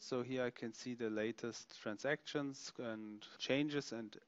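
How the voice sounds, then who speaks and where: A man narrating a software product demonstration, explaining features step by step as he clicks through them. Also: mid-range voice, clean tone, dry recording, dull audio. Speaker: software demo presenter.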